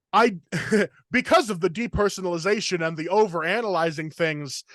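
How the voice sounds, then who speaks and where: Brief: young male comedian-host, slightly high voice, rambling and filler-heavy, dry close recording. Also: fairly bright tone, no echo. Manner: rambling, filler-heavy, fast torrent of words. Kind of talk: casual podcast chat.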